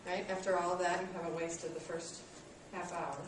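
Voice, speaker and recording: Speaking in a lowish, flat voice at moderate speed, a woman in her late thirties teaches a college class. She comes across friendly and self-deprecating with frequent ums, recorded from afar in an echoey room over a noisy background.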